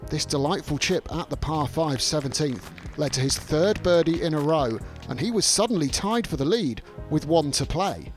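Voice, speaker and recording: Male golf commentator for a highlights show, voice a touch high, light music bed underneath. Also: animated, moderate pace, few pauses.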